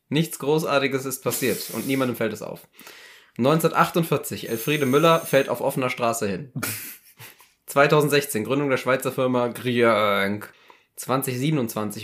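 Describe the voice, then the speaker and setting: A man's voice: mid-range voice, a bit bright. Playful man running a memory game. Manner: playful, deliberately distracting with counting. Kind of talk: casual podcast chat.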